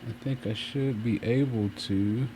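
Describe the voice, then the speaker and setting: A fan's noise sits faintly behind a man with a mid-pitched voice, recorded in a room at home. He talks casually as a livestream host, wandering through his thoughts and repeating phrases as he finds his way back. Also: unhurried, low-quality recording. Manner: rambling, circles back and repeats himself. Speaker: streamer hosting a channel. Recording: clear steady fan noise. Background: fan running.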